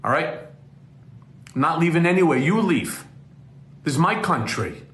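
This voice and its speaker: A man's voice: fairly high pitch, lively intonation, moderate pace, fairly bright tone. A man ranting on a livestream in an exasperated, scolding way, telling off his chat. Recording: roomy echo.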